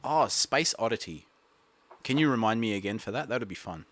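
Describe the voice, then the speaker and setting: A man's voice: fairly low pitch, expressive, brisk. A man hosting a music livestream, chatting casually and reading out viewer comments with a laugh. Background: guitar playing.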